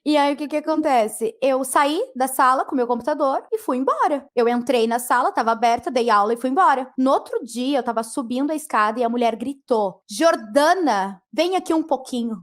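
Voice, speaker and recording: Brief: Brazilian woman teacher guest, high voice, vivid storyteller who acts out the dialogue. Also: fairly quick, hardly any pauses. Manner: expressive storytelling, acts out quoted exchanges. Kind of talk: podcast interview.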